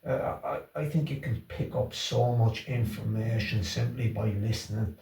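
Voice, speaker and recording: A middle-aged or older man with a Wexford Irish accent chats casually as an interview guest who organises Irish language classes. His voice sits on the low side, warm with vocal fry, at a moderate pace, and he hesitates and repeats words. The recording is roomy and echoey, with him distant from the mic.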